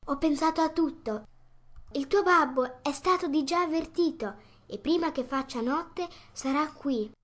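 A woman voicing a kind, motherly fairy who speaks softly and reassuringly. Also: high voice, unhurried, pitched above the performer's own voice. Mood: tender. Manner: soft, sweet and reassuring.

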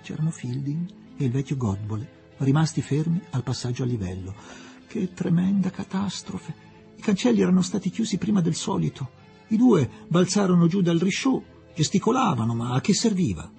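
A man reading a novel aloud as an expressive, dramatic audiobook narrator. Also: a little high, fairly quick, creaky, soft background music.

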